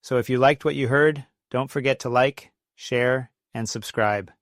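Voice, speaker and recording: Middle-aged male storyteller, mid-pitched and level, telling corny dad jokes in a scripted monologue, dry recording. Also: unhurried, dry recording. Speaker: comedy storyteller and host.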